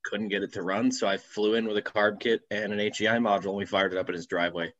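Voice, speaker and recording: A fast-talking man with a lowish, slightly bright voice and level tone rambles through casual anecdotes, often at his own expense. He's appearing as a guest on a video call, a car enthusiast and YouTuber, in slightly dull audio.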